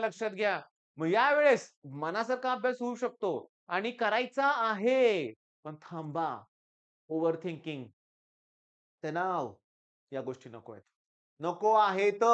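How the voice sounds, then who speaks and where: A middle-aged man from Maharashtra with a Marathi accent, a tutor giving a motivational coaching talk to exam students, emphatic and repetitive, swinging between loud stresses and quiet asides. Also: high-pitched, clean tone. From Maharashtra, India. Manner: emphatic, often repeats "lakshat ghya".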